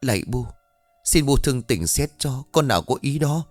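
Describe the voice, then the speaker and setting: A man's voice: mid-range voice, expressive, normal speed, dry recording, soft background music, voice pushed up, natural voice. A man voicing a meek young wife who stammers and pleads with her mother-in-law. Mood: pleading.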